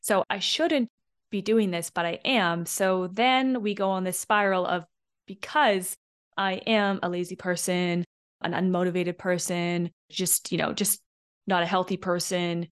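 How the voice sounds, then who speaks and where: A woman hosting a solo podcast as a coach, talking in a chatty, animated way and acting out short quoted lines. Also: on the low side, unhurried, smooth.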